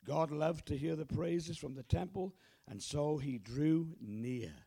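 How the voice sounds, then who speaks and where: A hoarse man getting over a cold, preaching a sermon as pastor at a church service in an emphatic, urging way. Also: on the high side, measured pace, mellow. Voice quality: croaky.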